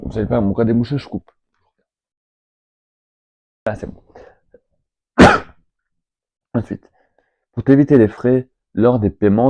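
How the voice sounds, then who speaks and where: A man chatting casually in a vlog, rambling with fillers and asides while reading travel tips aloud. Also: lowish voice. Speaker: vlogger. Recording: dull lo-fi home recording.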